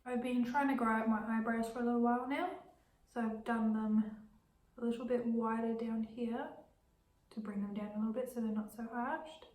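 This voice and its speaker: A woman's voice: a little high, little pitch movement, moderate pace, a little mellow, distant mic. Nasal woman with a stuffy cold. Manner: chatty, rambling asides. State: stuffy nose from illness. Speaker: beauty vlogger. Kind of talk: casual makeup tutorial chat. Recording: echoey room, voice from off the mic.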